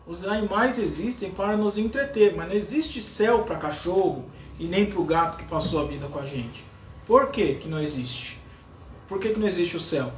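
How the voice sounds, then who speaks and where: A Brazilian man preaches a sermon in a high, light voice, often asking his listeners questions as he explains. He stands back from the microphone, and his voice echoes through the space over a faint background hiss. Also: fairly bright tone, far from the mic. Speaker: priest.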